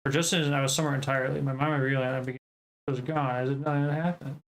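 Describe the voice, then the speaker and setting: Dramatic let's play narrator. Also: male voice, medium pitch, flat delivery, very fast. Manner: dramatic, acts out lines. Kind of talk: reading game text aloud with commentary. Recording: voice over loud game music.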